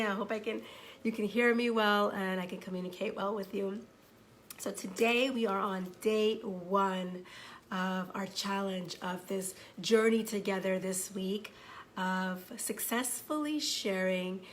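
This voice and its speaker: A hoarse woman with a cold, a divorce coach talking live to viewers, greeting them by name and speaking with many fillers. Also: medium pitch, a bit bright, slight background noise. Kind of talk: live-streamed coaching talk.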